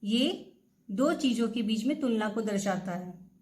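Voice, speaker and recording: A woman teacher explains a grammar lesson in a fairly high voice. She speaks slowly and reads each example carefully before translating it. She keeps asking simple questions and then answers them herself. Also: animated, darkish tone, low-quality recording. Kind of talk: bilingual classroom explanation.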